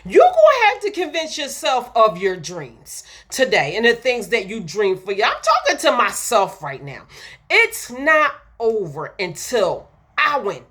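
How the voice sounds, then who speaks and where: A woman giving an emphatic, repetitive motivational sermon that builds to excited peaks. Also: on the high side, normal speed, hardly any pauses. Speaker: preacher.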